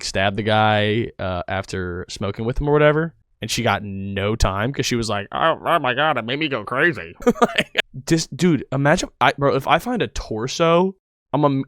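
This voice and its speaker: A man's voice: mid-range voice, a bit bright, dry recording, studio quality. A man reacting to a video on a live stream, blunt and profane, restarting his sentences.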